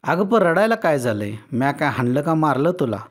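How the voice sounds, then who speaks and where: Man voicing a tired, grumbling village husband, raised pitch, loud rustic talk. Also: lively intonation, moderate pace, natural voice. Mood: exasperated. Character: rural village husband, weary, grumbling yet soft-hearted.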